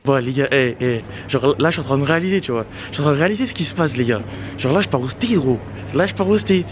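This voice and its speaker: A young man vlogging casually and excitedly, talking to his viewers in slang. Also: mid-range voice, fast. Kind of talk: casual vlog chat. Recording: loud street and traffic noise.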